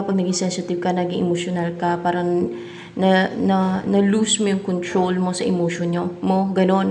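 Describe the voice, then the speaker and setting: A woman doing a tarot reading, musing slowly and questioning herself aloud as she reads the cards. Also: on the low side, creaky. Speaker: tarot reader. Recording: echoey room, faint background noise.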